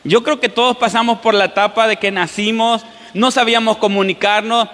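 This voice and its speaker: A man's voice: high-pitched, fairly even intonation, fairly quick, a bit bright. A man preaching a sermon as pastor in a church, often putting questions to the congregation. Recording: long church-hall reverb.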